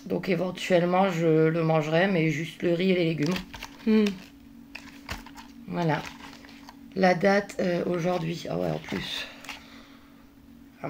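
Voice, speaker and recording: A woman's voice: lowish voice, creaky, slight background noise. Worn-out woman venting in a vlog. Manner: exasperated, venting, many fillers and hein. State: worn out, at the end of her tether. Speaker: vlogger. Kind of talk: casual daily vlog to camera.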